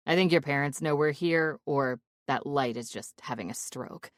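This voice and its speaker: A man's voice: on the high side, normal speed, dry recording, clean studio sound, close to an everyday voice. A woman voicing a cocky, teasing young man who jokes with confident, playful banter in an audiobook.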